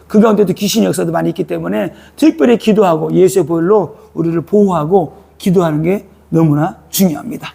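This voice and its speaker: Male pastor, sermon, high raspy voice, chatty style that keeps asking the congregation "eh?". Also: fairly quick, few pauses, warm tone. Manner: colloquial, prods listeners with repeated "eh?". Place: church.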